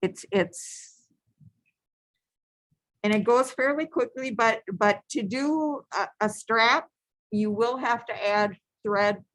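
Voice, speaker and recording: A woman's voice: fairly high pitch, slow, fairly bright tone, no room sound, poor audio. A woman teaching a beading stitch live, giving patient, repetitive step-by-step instructions and sometimes correcting herself. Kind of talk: step-by-step craft tutorial.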